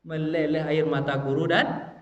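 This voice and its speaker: A man preaching at a mosque study session, lively and keeps addressing his listeners directly. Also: fairly high pitch, moderate pace, highs cut off. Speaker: Islamic preacher. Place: mosque hall. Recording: echoey hall, faint ambience.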